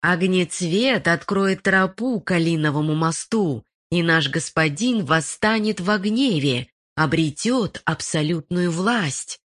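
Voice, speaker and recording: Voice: mid-range voice, animated, takes it slowly, hardly any pauses, fairly bright tone, pitched above the performer's own voice. A narrator voicing a chorus of malicious female forest spirits, hissing and gloating, in an audiobook. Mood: contemptuous, commanding. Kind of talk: audiobook voice acting.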